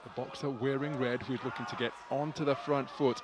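A man's voice: medium pitch, steady tone, a little fast, noisy background. A man giving live boxing commentary, fluent and articulate play-by-play with vivid wording.

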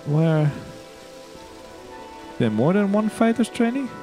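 A man's voice: high-pitched, big pitch swings, takes it slowly, dark tone, soft background music. A man hosting a video game let's play, chatting casually and rambling, tripping over his words in a giddy, upbeat mood. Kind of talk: casual gameplay commentary.

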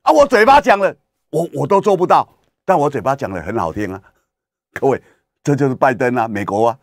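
A man's voice: mid-range voice, brisk, dry recording, studio quality. A male radio talk show host, giving emphatic political commentary full of rhetorical questions. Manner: animated and emphatic, rhetorical questions, acts out quoted voices. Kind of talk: opinionated political commentary monologue. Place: radio studio.

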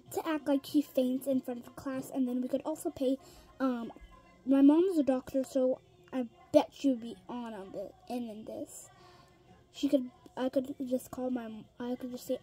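A woman's voice: high voice, warm tone. A woman voicing kid characters in a pet toy role-play, rambling with lots of ums and restarts and slipping into whispered asides. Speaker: toy figure video creator.

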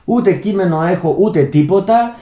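A man's voice: sits high, animated, warm tone, reverberant. A Greek man talking unscripted to his viewers, rambling with many restarts and calling out to his friends. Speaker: channel host. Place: Germany, indoor room.

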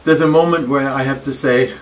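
An older man from Denmark, with a Danish accent and a mid-range, fairly evenly pitched voice, gives a reflective public lecture in a wood-paneled library room. He is thoughtful and wry, pausing often and making self-deprecating asides. A far camera picks him up, so the room recording sounds distant with faint noise.

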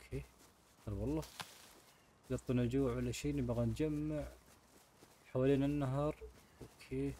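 A man's voice: medium pitch, little pitch movement, a little fast, long pauses, mellow, slight background noise, poor audio. A man hosting his gaming channel, chatting casually to viewers while he plays. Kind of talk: casual game commentary.

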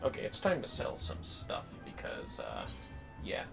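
An extremely low voice with wildly swooping pitch and vocal fry comes from a man streaming games at home, speaking a little slowly over music. He murmurs to himself and trades playful asides with his chat.

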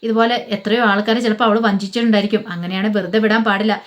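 Rapid-fire female storyteller. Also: mid-range voice, muffled recording. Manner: breathless run-on narration, quotes read flatly as reported speech. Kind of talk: rapid casual retelling of a serial's plot.

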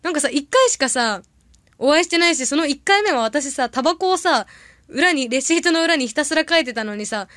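A young woman chatting casually on a livestream, reading viewer comments aloud and telling rambling stories with quick reactions. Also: sits high, lively intonation, a bit bright, dry recording, studio quality. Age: young adult. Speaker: idol audition candidate livestreaming.

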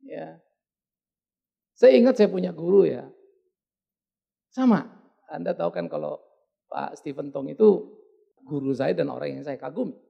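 A middle-aged man preaching a storytelling sermon as pastor, talking colloquially, dropping in English words and swinging between quiet asides and loud outbursts. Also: fairly high pitch, measured pace, gravelly, pauses often, slightly rough, muffled recording. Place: church service.

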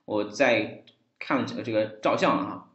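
A male English teacher giving a language lesson on a dialogue, repeating phrases slowly to demonstrate them. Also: lowish voice, a bit bright. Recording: roomy, dull lo-fi.

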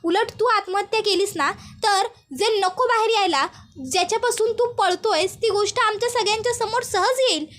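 A woman voicing a young sister-in-law who scolds and reassures firmly, in a very high voice. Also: moderate pace, a bit bright.

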